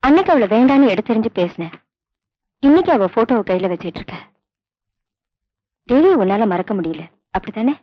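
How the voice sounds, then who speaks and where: A woman's voice: a little high, sing-song, brisk, long pauses. An actress playing a sorrowful older mother who speaks tenderly and earnestly to her son. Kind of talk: 1990s film drama acting. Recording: dull lo-fi film audio with faint music.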